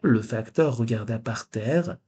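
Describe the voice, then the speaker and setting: A man with a husky voice reads a children's picture book aloud. He takes it slow and gentle, with a plain storyteller's delivery. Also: medium pitch. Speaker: storybook reader.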